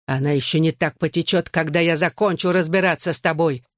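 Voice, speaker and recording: A man voicing a drunk, violent father who growls his words slowly and heavily. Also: on the high side, fairly even intonation, no room sound, clean studio sound, natural voice. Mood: furious drunk. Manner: slow, heavy, snarling delivery.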